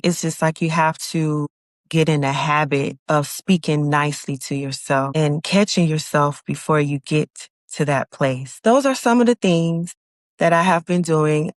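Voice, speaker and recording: A woman hosting her own podcast, talking alone in a calm, reflective, encouraging way. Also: low voice, no echo, studio quality. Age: adult with children. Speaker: podcast host. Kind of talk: solo motivational podcast talk.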